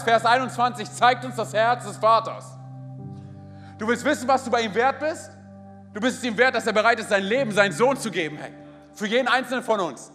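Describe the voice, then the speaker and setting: Energetic high-voiced preacher in a hall. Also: male voice. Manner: energetic, calls out to the congregation. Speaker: pastor. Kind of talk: sermon. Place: large church hall. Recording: hall reverb with faint music.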